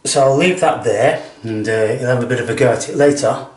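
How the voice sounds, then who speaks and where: A man's voice: mid-range voice, a little fast, darkish tone. A man chatting casually to a pet in a coaxing, blokey way as he looks after it. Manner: coaxing, blokey, says "mate". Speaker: animal carer filming a home feeding. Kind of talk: casual murmured chat to a pet. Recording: echoey room, faint noise and clicks.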